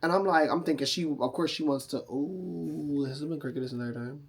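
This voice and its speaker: A drunk man with a slightly high, husky voice tells a story casually to camera. He is sassy and sweary, and he wanders off track and picks the thread back up. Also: normal speed. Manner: sassy, rambling, often loses the thread. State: drunk, tipsy. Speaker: vlogger telling a storytime.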